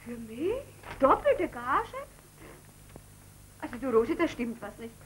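A woman's voice: sits high, sing-song, unhurried, a little hiss or hum, poor audio. An actress playing a young female theatre singer who pleads and weeps tenderly in a 1939 film drama. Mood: teasing. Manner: pleading, tearful, affectionate. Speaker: theatre singer under contract.

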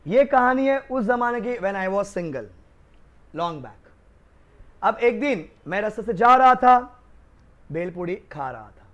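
Speaking slowly and pausing often, this high-voiced Rajasthani Hindi law lecturer sounds expressive and a bit bright as he tells stories to accountancy students he calls kids. He's chatty and joking, though the new microphone leaves the recording muffled.

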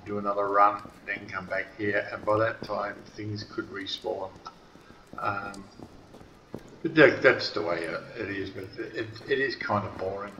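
A man's voice: fairly low pitch, bright, forceful tone, reverberant, highs cut off, a little hiss or hum. A man giving casual gameplay commentary, muttering and grumbling dryly to himself.

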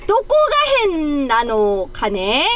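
A woman's voice: a little high, big pitch swings, slow. A woman with a Kagoshima accent giving chatty live-stream commentary on a horror game, nervously repeating her words. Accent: Kagoshima, Japan. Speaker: streamer, video game player. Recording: clearly noisy stream audio.

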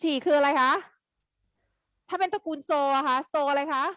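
A woman teaching an English grammar lesson live online, quizzing her students in a lively way. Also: high voice, normal speed, no echo.

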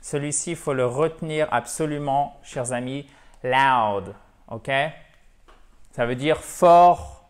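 A man at a whiteboard teaches an English lesson in French, his voice sitting at an ordinary middle pitch. He is animated and talkative, often stopping to check that his viewers follow, and he slips English example phrases into his French explanations. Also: slow, clear, resonant tone. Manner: animated, repeats and checks in with "d'accord?" and "ok?". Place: classroom-style room with a whiteboard.

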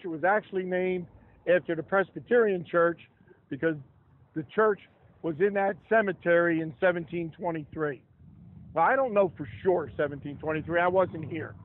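A man's voice: high voice, moderate pace. Older man guiding a walking tour outdoors. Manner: chatty, asides and restarts while reading from papers. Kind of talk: outdoor history tour talk. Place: roadside sidewalk outdoors beside traffic. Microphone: camera held close in the crowd. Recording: tinny phone-like outdoor audio.

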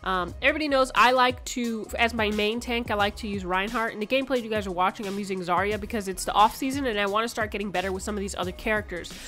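A woman's voice: medium pitch, fast, few pauses, sharp tone, soft background music. Sick-voiced woman chatting about a game. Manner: chatty, rambling with restarts. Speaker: gaming video host. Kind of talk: casual gaming commentary.

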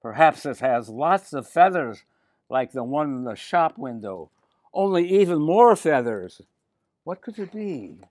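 A man's voice: on the high side, big pitch swings, a little slow, a little mellow, no echo, clean studio sound. An older man putting on a sweet, polite little girl. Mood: dreamy.

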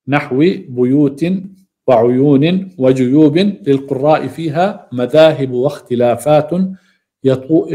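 Mellow-voiced man teaching a scripture commentary. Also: mid-range voice. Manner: reads a passage aloud, then slowly repeats and explains its key phrases. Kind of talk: reading and explaining a classical Quran commentary. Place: mosque.

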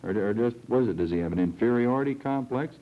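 A man's voice: medium pitch, animated, quick pace. A young man hosting a TV panel, asking long, hesitant questions at a studio desk microphone, with old film sound. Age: young adult. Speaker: host. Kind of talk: TV panel discussion. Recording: dull 1960s TV film sound.

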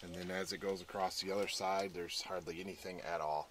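Low-voiced man explaining camping gear. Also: fairly even intonation, a little fast, a bit bright, slight background noise. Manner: chatty, explains gear step by step. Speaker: trailer review vlogger. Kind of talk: casual walkaround commentary. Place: outdoor wooded campground.

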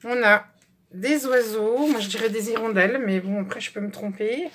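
Woman, casual craft haul, slightly high pitch, filler-heavy, faint noise. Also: normal speed, a bit bright. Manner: chatty, many fillers, shows items one by one. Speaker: craft vlogger. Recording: faint background noise with clicks.

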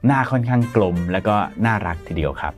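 A man in his thirties presents an explainer to camera in a bright studio against a plain grey backdrop, wearing a lapel mic. He talks politely and chattily, using frequent soft particles, in a fairly low, animated voice at a fast pace, with faint music behind him.

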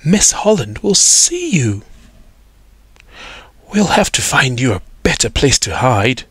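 A man's voice: mid-range voice, big pitch swings, takes it slowly, fairly bright tone, husky, dry recording, pitched above the performer's own voice, exaggerated voice. A man voicing a kind, earnest young schoolgirl in a children's story, in an eager manner. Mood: worried.

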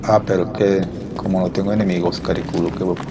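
Low, flat-voiced young man muttering over gameplay. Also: fast, creaky, very noisy. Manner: muttering to himself, swearing, puzzled questions. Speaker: gameplay streamer. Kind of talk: casual let's-play commentary. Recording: loud game sound behind voice.

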